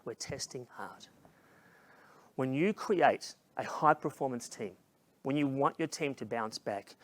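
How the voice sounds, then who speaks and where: A middle-aged man giving a motivational keynote talk, telling a story with passion and dropping to a hushed voice in its emotional moments. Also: mid-range voice. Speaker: keynote speaker.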